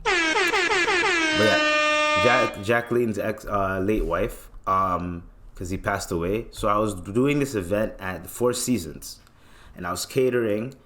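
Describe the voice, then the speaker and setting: Chill guy telling a story, kinda low voice, lots of "you know what i mean". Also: a little slow, fairly bright tone, slight background noise. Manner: laid-back slangy, swears freely, repeats filler phrases. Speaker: podcast host. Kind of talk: casual storytelling.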